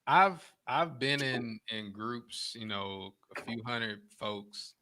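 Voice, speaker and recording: A male interview host with a bright, sharp voice. He talks in an upbeat, joking way and praises his guest. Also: medium pitch, animated, slow pace. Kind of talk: casual interview chat.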